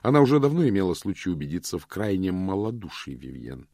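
Male narrator, lowish voice, dry close recording, measured storytelling. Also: very animated, creaky, darkish tone, no echo. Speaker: audiobook narrator. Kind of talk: scripted narration.

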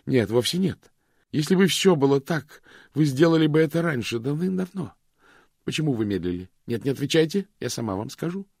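A man voicing a highly strung woman who speaks in a shrill, bitter, sarcastic way. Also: big pitch swings, brisk, gravelly, husky, no room sound, studio quality, heavily acted.

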